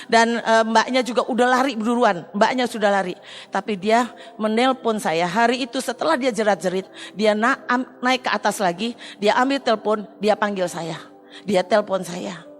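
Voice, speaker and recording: A middle-aged woman giving an earnest, halting personal testimony in church. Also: on the high side. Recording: long hall reverb.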